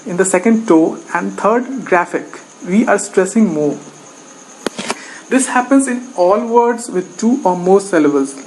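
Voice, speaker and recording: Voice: medium pitch, darkish tone, poor audio. A teacher giving a recorded lecture, methodically reading out lists of example words one at a time.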